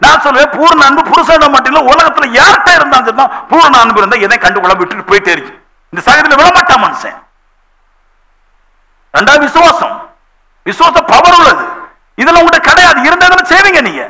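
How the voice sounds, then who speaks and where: Pastor guy preaching, really high piercing voice, tells stories and does everybody's voices. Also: fairly quick, poor audio. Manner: animated storytelling, acting out voices of people in his stories. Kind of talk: sermon. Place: church.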